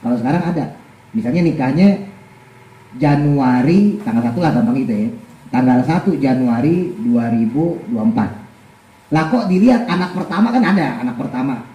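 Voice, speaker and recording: A man's voice: medium pitch, a little fast, roomy sound, poor audio. A man teaching an Islamic study class, reading Arabic text aloud and explaining it with jokes. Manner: lively, joking, reads Arabic text then explains. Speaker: religious teacher. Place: study gathering hall.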